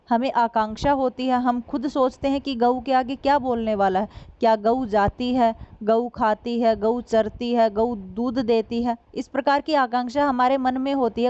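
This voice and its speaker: Lo-fi woman teaching, high voice. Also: a little mellow, no echo. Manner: asks questions and answers them herself, repeats examples slowly. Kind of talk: explanatory classroom lecture. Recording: dull lo-fi recording.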